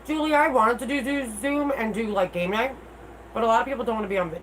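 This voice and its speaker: A middle-aged woman hosts a casual livestream, replying to viewers candidly and informally with mild swearing; her speech sounds toothless. Her voice is on the high side and she talks fast, with a little hiss or hum and poor audio.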